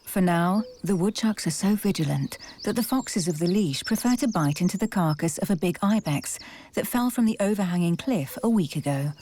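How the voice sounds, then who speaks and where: A woman's voice: on the low side, lively intonation, normal speed, dark tone, slight background noise. A woman reading scripted narration for a wildlife documentary.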